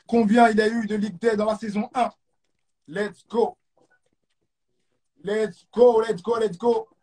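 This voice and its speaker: A man's voice: sits high, level tone, measured pace, a little mellow. A man with a French accent hosting a live stream quiz, hyped, repeating catchphrases and throwing in English exclamations. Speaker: host of a live stream show. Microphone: phone or webcam on a live stream.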